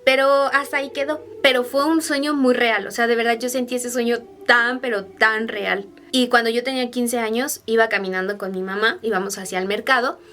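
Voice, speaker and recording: A young woman, speaking a little high for a woman, tells her stories to camera in a loose, chatty way. She keeps talking to her viewers with fillers and asides, and a faint hiss sits underneath her voice. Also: fairly even intonation, brisk, hardly any pauses, a bit bright. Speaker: vlogger. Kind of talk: personal storytelling to camera.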